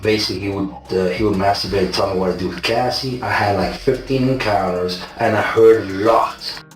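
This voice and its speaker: A man's voice: fairly low pitch, fairly even intonation, a little fast, soft background music. Echoey, distant man answering an interviewer.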